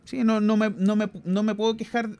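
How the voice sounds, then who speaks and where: This podcast co-host is a Chilean man speaking Chilean Spanish at a normal speed, his high voice warm yet flat in delivery. He gives strong opinions casually and repeats words as he works through his thoughts, while faint music plays.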